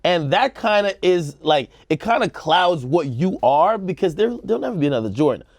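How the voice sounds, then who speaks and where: Very animated and high-pitched, this American-accented man chimes in as a talk show co-host with casual opinions, using slang and acting out quotes in a panel discussion. He speaks at normal speed on a dry, studio-quality recording.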